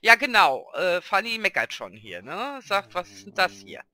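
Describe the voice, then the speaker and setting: A man's voice: high voice, wildly swooping pitch, normal speed, bright, forceful tone. A man hosting a casual Let's Play, chatting and talking fondly to the characters on screen. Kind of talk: casual gameplay commentary.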